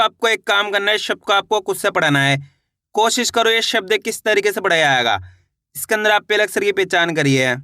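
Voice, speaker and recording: Bright-voiced man teaching reading slowly. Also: sits high, dry recording, studio quality. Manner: sounds out words syllable by syllable, then blends them; repeats "how will we read it?" before each answer. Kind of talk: online reading lesson.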